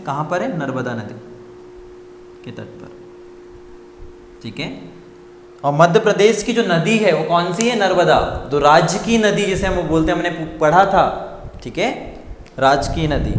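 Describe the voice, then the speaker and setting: A man's voice: sits high, reverberant, big-room sound, slight background noise. A man teaching an exam coaching class, asking questions and answering them himself, repeating key points again and again. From India. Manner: repetitive, quizzes students and answers himself.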